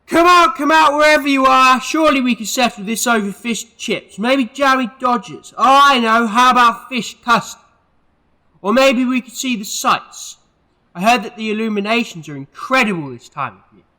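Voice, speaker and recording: A man's voice: very high-pitched, moderate pace, pushed and bright, heavily acted, poor audio. A man playing an eccentric, protective time-travelling hero in an amateur audio drama, earnest and theatrical in delivery. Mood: playful taunting.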